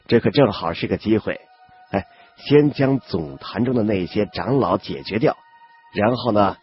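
A man voicing a cool-headed, calculating male cultivator in an audiobook, speaking calmly and coldly. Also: on the low side, husky, dull audio. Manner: calm, cold, measured.

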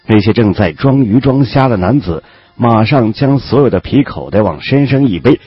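Brief: male audiobook narrator, low and husky, lively and animated delivery; muffled lo-fi track with faint music. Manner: expressive storytelling with lively pitch.

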